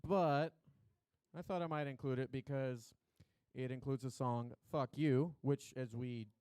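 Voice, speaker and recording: A man's voice: medium pitch, fairly even intonation, a little slow, dark tone, clear, resonant tone, dry recording. A man co-hosting a casual chat about metal albums, mostly giving short agreeing replies and dry quips. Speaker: podcast co-host.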